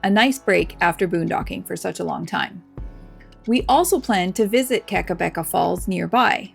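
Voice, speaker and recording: A woman's voice: fairly low pitch, normal speed, gravelly, faint music behind. A woman from Canada, an RV travel vlogger, narrating and chatting casually with her partner, often laughing and teasing.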